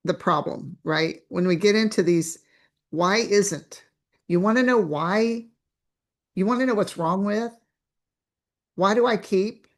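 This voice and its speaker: A woman's voice: medium pitch, measured pace, pauses often. A woman coach teaching a live online training, chatty, asking rhetorical questions and restarting her phrases. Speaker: business coach.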